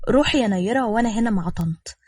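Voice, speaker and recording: Woman reading as a frank young egyptian wife, quick and jokey, breathy voice. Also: a little high, animated, darkish tone, no room sound. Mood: fond. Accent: Egyptian Arabic.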